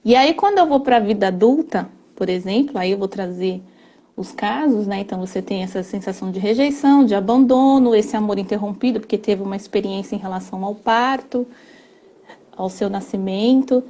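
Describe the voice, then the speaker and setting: A woman's voice: mid-range voice, a little fast, warm tone. A woman, a family constellation therapist, explaining earnestly with frequent hesitations and tag questions. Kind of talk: explanatory conversation.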